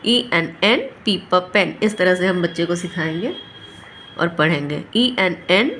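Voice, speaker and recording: A woman's voice: fairly low pitch, unhurried, a bit bright, slight background noise. A woman teaching a phonics lesson, patiently sounding out each letter. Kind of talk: phonics lesson for parents and children.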